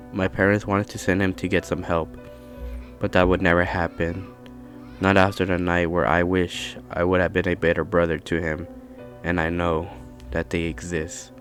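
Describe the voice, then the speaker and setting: A man narrating a scary story in a calm, measured storytelling manner. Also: sits low. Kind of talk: scripted horror narration.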